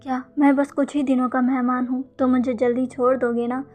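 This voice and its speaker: A woman's voice: sits high, little pitch movement, a little fast, darkish tone, soft background music, close to an everyday voice. A woman voicing an insecure young man who asks wounded, hesitant questions in a storybook reading. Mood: hurt, serious. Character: young man, insecure, hurt, tearful lover.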